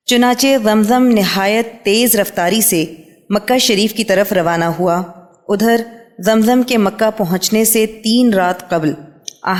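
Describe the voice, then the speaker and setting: A woman reading a religious history book aloud in a steady, measured way, announcing each new heading. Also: mid-range voice. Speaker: book reader. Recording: long hall reverb.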